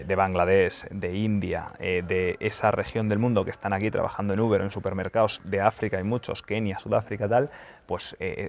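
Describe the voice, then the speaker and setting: This football journalist and video host is vlogging casual questions and answers from Qatar during the World Cup. His voice is gravelly, lowish and a little mellow, and he comes across blunt and profane, full of fillers and restarts.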